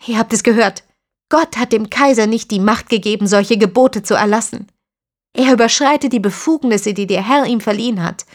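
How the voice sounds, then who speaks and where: A woman's voice: fairly high pitch, normal speed, voice pushed up, natural voice. A woman voicing a defiant, devout young woman in an audiobook, speaking earnestly and intensely. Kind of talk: audiobook character reading.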